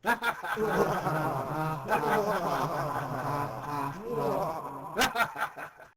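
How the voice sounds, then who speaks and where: A man's voice: on the high side, fairly quick, heavy background noise, close to an everyday voice. Man playing an unhinged, cackling evil space emperor. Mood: gleefully unhinged. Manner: unhinged villain bluster with forced maniacal laughing. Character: pompous, bumbling evil space emperor and exasperated father. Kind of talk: comedic audio drama acting.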